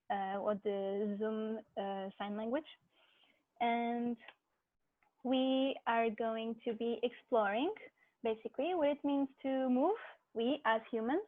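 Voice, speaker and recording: A woman teaching an online movement class, her voice muffled as if heard through a wall by bad headphones. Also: on the high side. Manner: friendly, hesitant, frequent fillers and small laughs. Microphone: cheap headphone mic on a video call. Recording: muffled tinny video call through cheap headphones.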